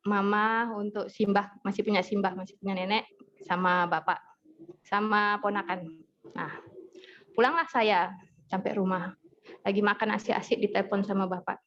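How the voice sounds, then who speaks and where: A woman, a hypnotherapist telling family stories in a parenting talk, acting out dialogue. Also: mid-range voice. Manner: chatty, storytelling, acts out family dialogue. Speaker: hypnotherapist speaker. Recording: dull lo-fi audio with faint noise.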